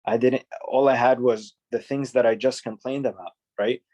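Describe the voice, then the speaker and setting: A man's voice: medium pitch, fairly even intonation, normal speed, a little mellow. A man teaching a class on a video call, earnest and encouraging, often repeating words.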